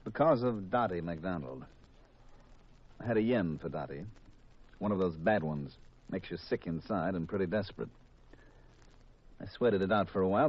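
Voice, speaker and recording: In a 1950s radio mystery, a male American actor plays a cold-blooded insurance man confessing to murder, his low, husky voice deliberate, hard-boiled and mock-polite with cool menace. The recording sounds muffled and dull.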